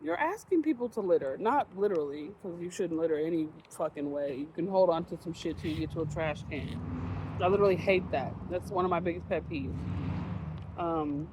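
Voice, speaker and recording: A woman's voice: lowish voice, fairly quick, noisy background. A woman vlogger chatting casually to camera while eating outdoors, with a frank, profane, laughing way of ranting.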